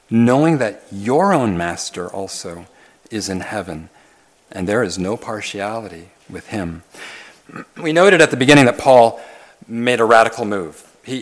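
A male pastor preaches an expository sermon, repeating phrases and posing rhetorical questions. He swings between soft, low asides and loud, emphatic lines.

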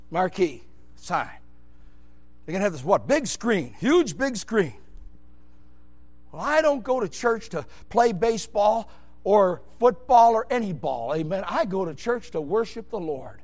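A man preaching an emphatic Baptist sermon, swinging between loud shouted bursts and low, quiet asides. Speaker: pastor.

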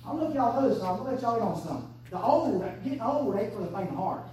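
A woman, preaching an impassioned sermon that swings between hushed and shouted. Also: on the high side, animated, racing, slight background noise. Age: 30s. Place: church sanctuary. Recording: echoey church from far off.

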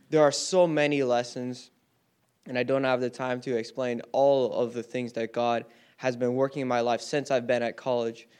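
Young guy from ireland giving a testimony, smooth clear voice, earnest. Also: mid-range voice. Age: young adult. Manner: earnest, reflective, with fillers. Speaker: college student giving a testimony. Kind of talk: spoken testimony.

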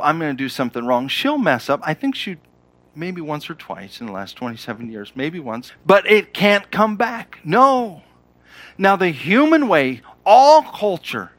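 Male pastor, middle-aged, sermon, animated pitch, slightly high voice, dry close mic. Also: dry recording. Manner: conversational preaching with sudden emphatic rises.

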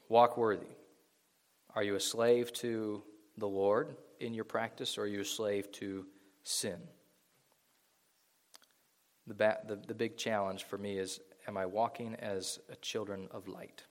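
A man's voice: lowish voice, level tone, unhurried, pauses often. A man preaching a sermon to a congregation in a church, earnest and swelling to emphatic peaks. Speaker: pastor. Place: church sanctuary before a congregation. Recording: long reverb of a large hall.

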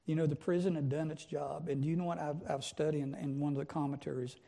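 Gravelly preacher in a reverberant church. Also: male voice, a little high, steady tone, fast, warm tone. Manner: emphatic, asks many rhetorical questions. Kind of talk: sermon. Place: church sanctuary.

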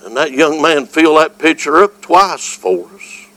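A little high and animated, a Southern-accented man preaches slightly slowly, his folksy, exclamatory revival sermon moving from quiet storytelling to outright shouting. The fervent evangelical message comes through a dry recording.

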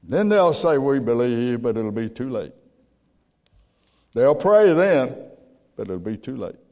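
A man preaching a sermon, rising to loud acted-out quotes and dropping to low, quiet asides. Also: big pitch swings, slow pace, creaky. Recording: long hall reverb.

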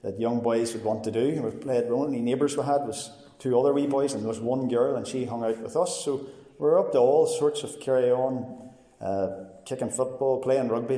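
A man in his forties with a Northern Irish accent, giving a personal testimony in a plain, earnest, halting way. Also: mid-range voice, mellow. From Northern Ireland. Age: 40s. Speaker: testifying church member. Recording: echoey hall with long reverb.

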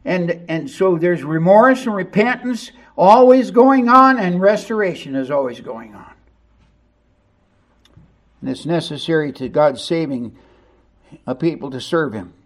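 Male pastor, sermon, high voice, emphatic, conversational. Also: lively intonation, unhurried. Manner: emphatic and conversational, with sudden loud stresses.

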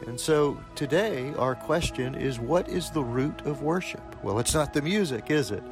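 Male pastor at a pulpit mic, lots of uhs, bit higher voice, echoey sanctuary. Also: animated, music in the background. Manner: unhurried, halting with frequent fillers, gently joking. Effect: at a pulpit microphone. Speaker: associate pastor. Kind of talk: sermon. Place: church sanctuary. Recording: long hall reverb.

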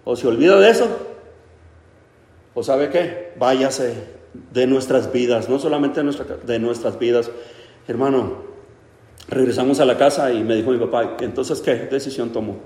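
A man preaching his testimony, calling the listeners brothers and climbing into fervent high cries. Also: moderate pace, pauses often, a little mellow. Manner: addresses the crowd as brothers constantly, rising to fervent high-pitched cries. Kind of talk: sermon testimony. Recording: echoey hall, roomy reverb.

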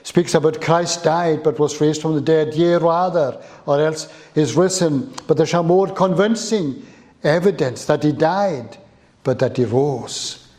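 A man delivering an evening sermon in church. His voice sits slightly high and moves at an unhurried, measured pace. He stresses key words with a rise, pausing between short phrases. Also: a little mellow. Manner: slow, emphatic, rising on key words. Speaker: preacher.

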